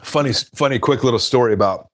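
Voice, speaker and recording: A man's voice: mid-range voice, fast. A man hosting a casual live stream, rambling and laughing at his own stories.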